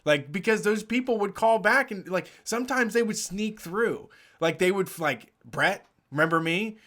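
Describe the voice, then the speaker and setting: Bright-voiced profane man telling stories. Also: sits high, animated, normal speed. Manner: profane, storytelling, acts out quoted voices. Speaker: podcast co-host. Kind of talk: casual chat.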